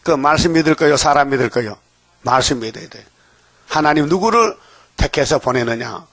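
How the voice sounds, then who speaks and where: An emphatic man preaching at a dawn service, his voice sitting a little high for a man. He keeps prodding the congregation with short rhetorical questions, and the sound is dry and close, with little room echo. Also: lively intonation, moderate pace, a bit bright.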